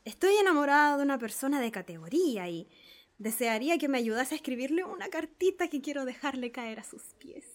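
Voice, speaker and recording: An eager, naive middle-aged gentleman, played by a woman, marvels aloud at every sound he is taught. The voice sits high and swoops wildly up and down. It is a dramatic reading, full of wonder. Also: sing-song, fairly quick. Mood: insistent. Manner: gushing, repeats sounds with wonder. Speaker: reader playing a pupil.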